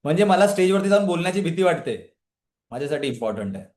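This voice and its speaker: The trainer's voice is a little high and quick, with a roomy sound around it. Leading a women's empowerment session live online, he stays energetic and motivational, questions his listeners, and often calls on the live chat for responses.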